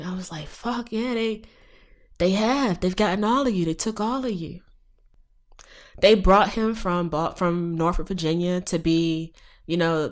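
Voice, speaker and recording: A woman in her thirties with a low-pitched voice speaks as a guest on a podcast interview. She tells her story candidly and emphatically, swearing freely and building to forceful rhetorical questions. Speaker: professor guest.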